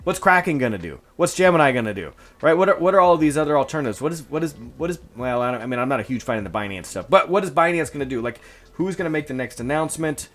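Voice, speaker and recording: Chatty excitable man hosting crypto news. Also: a little high, quick pace. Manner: chatty, excitable, lots of fillers and asides. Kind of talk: casual solo news vlog.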